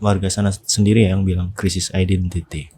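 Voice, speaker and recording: A man's voice: sits low, flat delivery, brisk, very noisy. A man from Indonesia hosting a reaction video, chatting casually and often asking viewers to agree.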